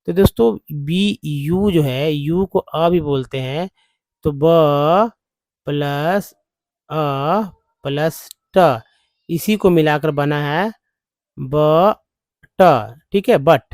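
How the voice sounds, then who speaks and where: A man talks through an English reading lesson, breaking words into letters and repeating them. He speaks very slowly in a slightly high voice. The recording is dry and close. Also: darkish tone, dry recording. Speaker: English teacher. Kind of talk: spelling and pronunciation lesson.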